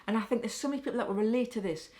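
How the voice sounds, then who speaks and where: A woman's voice: on the high side, very fast, mellow. A woman, a guest medium, speaking earnestly and emphatically in casual conversation, repeating her key words.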